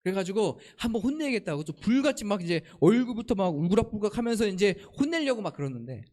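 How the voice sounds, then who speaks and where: A man preaching a sermon, his voice sitting high and swinging widely as he tells stories. He keeps turning to the congregation with questions and acts out the lines of the people in his stories. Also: big pitch swings, fast talker, a little mellow. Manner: storytelling, asks the congregation questions; acts out quoted family lines. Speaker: pastor.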